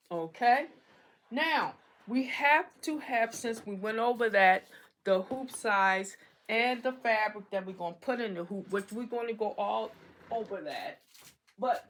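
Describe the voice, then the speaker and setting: A woman hosts a casual embroidery how-to, explaining materials in a chatty way and often checking in with "okay?". Her mid-range voice is a bit bright, with a little hiss or hum in the recording.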